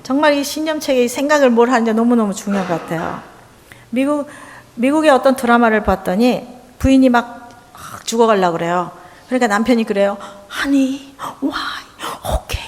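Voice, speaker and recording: A woman from Korea preaching a lively sermon in a church, acting out little dialogues and bantering with the congregation. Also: fairly high pitch, fairly quick. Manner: animated, acts out dialogue, chats with audience. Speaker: missionary seminar speaker. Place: church sanctuary. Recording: church hall with long reverb.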